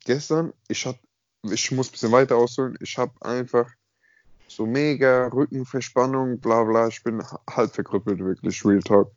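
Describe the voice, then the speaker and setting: A man's voice: medium pitch, normal speed, dry recording. Young man, emphatic casual storyteller, dry slightly muffled call audio. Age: young adult. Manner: slangy, emphatic, peppered with filler address words. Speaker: podcast co-host. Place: at home on an internet call.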